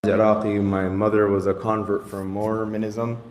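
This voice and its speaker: Low-voiced man in an echoey room. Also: flat delivery, moderate pace, a little mellow. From United States. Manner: self-deprecating, joking, rambling with fillers and Arabic phrases. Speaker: Islamic studies teacher and youth director. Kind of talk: casual self-introduction to a group. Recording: echoey room with faint noise.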